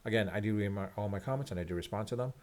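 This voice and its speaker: A man giving an unscripted, resigned sports rant to viewers, rambling and halting as he repeats his phrases. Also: fairly low pitch, darkish tone. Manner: resigned, disappointed fan. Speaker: sports fan vlogger.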